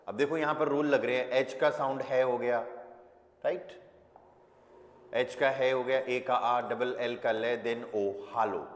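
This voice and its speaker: A man teaching a language class, explaining slowly and patiently and often checking that students follow. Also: mid-range voice. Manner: slow, patient explaining with frequent check-ins. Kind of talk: classroom lesson. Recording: echoey hall with long reverb.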